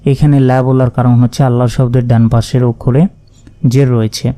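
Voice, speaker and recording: A man teaching Quran reading, spelling out Arabic syllables patiently and chanting each word slowly. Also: medium pitch, flat delivery, warm tone, dry recording. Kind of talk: spelling out Arabic letter by letter, slow recitation lesson.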